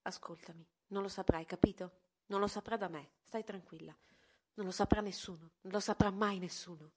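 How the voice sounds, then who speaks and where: Donna che interpreta madre di mezza età, severa e poi dolce, voce media. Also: female voice, mid-range voice, steady tone, normal speed, husky, close to an everyday voice. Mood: soothing. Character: stern but loving middle-aged mother.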